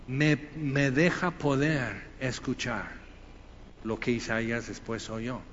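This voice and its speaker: Older preacher in a reverberant hall. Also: male voice, medium pitch, slow. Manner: animated, swinging from loud bursts to hushed asides. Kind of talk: sermon. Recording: dull recording with long hall reverb and faint hiss.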